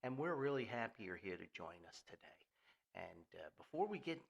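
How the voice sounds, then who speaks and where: With a fairly low, sing-song voice marked by vocal fry, this older New Jersey podcast host talks briskly, rambling folksily and joking with theatrical flair through a casual solo show that includes sponsor reads. The highs in the audio are cut off.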